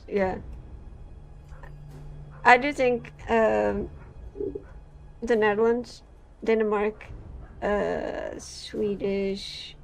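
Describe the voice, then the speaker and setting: Reading game text and chatting in a halting manner full of fillers and restarts, this gaming creator from Portugal has a mid-range voice with vocal fry, and the recording is rough.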